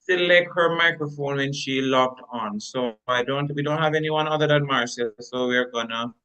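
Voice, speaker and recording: A man moderating a webinar over a video call, brisk and matter-of-fact. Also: mid-range voice, pushed and bright, smooth, lo-fi sound.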